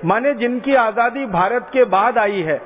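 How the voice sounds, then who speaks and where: Captured with tinny, phone-like sound in an echoing hall, an Indian man gives a passionate public lecture. He speaks unhurriedly in a very high voice, reinforcing every point through repeated parallel phrasing.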